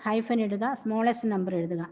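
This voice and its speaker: A woman's voice: medium pitch, fairly quick, dark tone, in a large hall. A woman teacher giving an online class over a video call, patiently repeating each instruction step by step.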